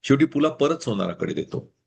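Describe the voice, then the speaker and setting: A man reading his own story aloud in a measured storytelling manner. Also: medium pitch, very animated, vocal fry, breathy edge. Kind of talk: story narration.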